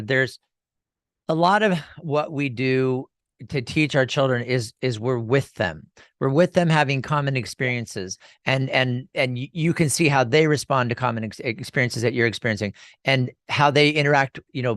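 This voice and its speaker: A middle-aged man hosts a radio talk show in a loose, chatty way, often restarting and repeating his words. His voice sits at a mid pitch. The studio sound is close and dry, with no room echo. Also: a bit bright. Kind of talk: casual radio interview chat.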